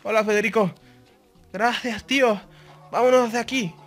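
A Mexican man voicing a joking Spaniard guy in an exaggerated mock Castilian accent, raising his voice higher than usual. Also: moderate pace. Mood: cheerful. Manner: exaggerated, excited exclamations.

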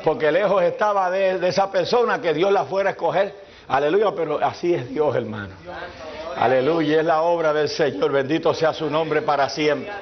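Fervent pastor preaching. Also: male voice, fairly high pitch, normal speed. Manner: fervent, peppered with hallelujahs, bursts into shouts. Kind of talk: sermon. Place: church. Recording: dull lo-fi church recording.

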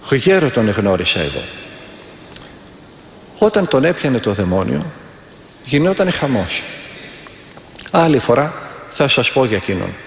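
A man's voice: medium pitch, very animated, vocal fry, long pauses, a little hiss or hum. A man, an Orthodox monk, giving a sermon and telling stories with earnest, vivid delivery and repeated prayers. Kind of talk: sermon with storytelling. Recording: echoey, reverberant hall.

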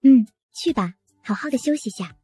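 A woman's voice: high voice, lively intonation, moderate pace, dark tone, husky. A woman voicing an upright, stern old father lying in a hospital bed, speaking firmly.

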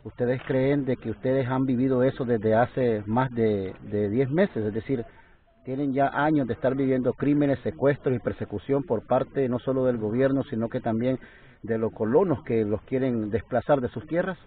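A man with a mid-range voice asks long, formal questions at a steady pace. He sits back from the recorder, so he sounds far away. The sound is tinny and narrow, like a phone. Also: medium pitch, normal speed. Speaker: interviewer. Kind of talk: journalistic questioning.

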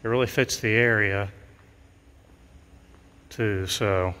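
A middle-aged mural painter speaks slowly on the low side, his tone pushed, bright, clear and resonant, with fairly even intonation. He casually shows off his work on a walkthrough of a large empty school gymnasium, talking chattily with many fillers, and long gym reverb trails his words.

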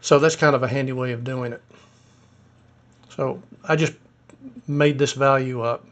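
Relaxed man walking through a tutorial. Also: medium pitch, a little slow. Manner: relaxed, explanatory, thinking aloud with fillers. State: a little hoarse. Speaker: ham radio hobbyist demonstrating software. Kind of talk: casual screen-recorded tutorial.

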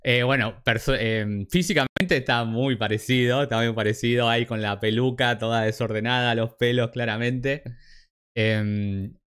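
A man's voice: mid-range voice, steady tone, normal speed, a bit bright, clear, resonant tone. Chatty Argentine man reacting. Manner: chatty, laughing, interrupting with asides. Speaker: reaction video host. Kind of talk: casual reaction commentary.

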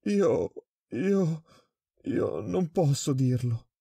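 A man voicing a terrified adult male prisoner who begs and stammers in a high, desperate voice. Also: a little slow, mellow, slightly rough, no room sound. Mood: terrified pleading.

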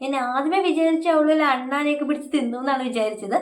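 A woman's voice: sits high, quick pace. A woman narrating a casual home vlog about her sick pet cat, chatty and tender. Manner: chatty, tender, ends sentences with "ട്ടോ". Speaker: cat vlogger.

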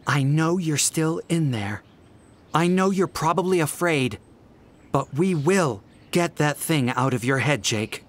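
A man voicing a gentle, earnest teenage girl in a fan audiobook, speaking softly and sincerely. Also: fairly high pitch, lively intonation, a little slow, voice pushed up. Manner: soft, earnest.

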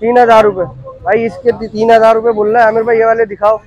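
A man's voice: high-pitched, flat delivery, quick pace, a little mellow, muffled recording. A man in his thirties vlogging through a busy outdoor street market, chatting casually, repeating prices and talking to viewers. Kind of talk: casual walkthrough vlog, asking prices.

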